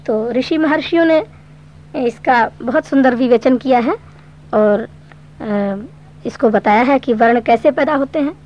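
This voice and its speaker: A woman teaching a Sanskrit grammar lesson, explaining patiently step by step and reciting verse slowly. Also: fairly high pitch, a little mellow. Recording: dull lo-fi recording.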